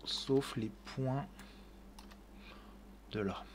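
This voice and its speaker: In a very noisy recording, a man speaks very slowly at medium pitch while hosting a screen-recorded software tutorial. Sitting at his computer with a desk mic, he thinks aloud and narrates each click, padding it with fillers.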